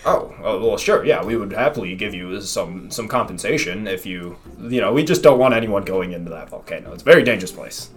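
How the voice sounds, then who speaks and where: Man as a gnome mayor, low-pitched, affable, round-bellied, repetitive, dithering, tabletop game. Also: expressive, fairly quick, few pauses, soft background music, close to an everyday voice. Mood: nervous, agreeable. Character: pot-bellied gnome mayor twirling a mighty mustache, affable.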